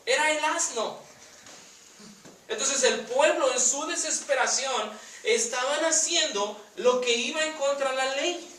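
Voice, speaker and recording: A man's voice: very high-pitched, a bit bright, distant mic. A man preaching a sermon in a church, emphatic, sometimes dropping to a near whisper on key words. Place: church hall. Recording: echoey church room from off-mic.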